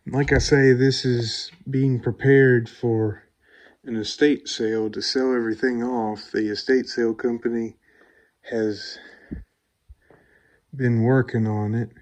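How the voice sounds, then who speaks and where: A young man narrating a casual exploring vlog walk-through in an unhurried, musing, plain-spoken way. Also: mid-range voice, level tone, a little mellow. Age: 20s or younger.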